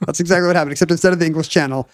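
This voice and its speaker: Talking very fast in a steady, slightly high voice, a man in his forties explains history conversationally. He tends to ramble, frequently stopping mid-sentence to search for words.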